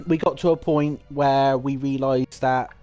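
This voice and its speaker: A man's voice: mid-range voice, steady tone, slow pace, warm tone. A young man chatting casually to viewers on a live game stream, rambling and reading out messages as they come in. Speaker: livestreamer. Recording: music playing in the background.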